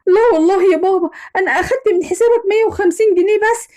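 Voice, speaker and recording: A woman's voice: very high voice, racing, a little mellow, voice pushed up. A woman with an Egyptian accent voicing a sneaky schoolboy obsessed with a video game.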